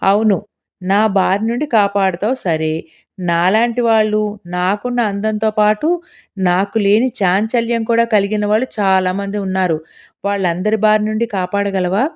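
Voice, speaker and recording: A woman's voice: medium pitch, fairly even intonation, normal speed, darkish tone, natural voice. A teasing young woman, read by a woman narrator. She talks in a playful, mischievous way. This is a storybook reading in an ordinary woman's voice. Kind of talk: audiobook character reading.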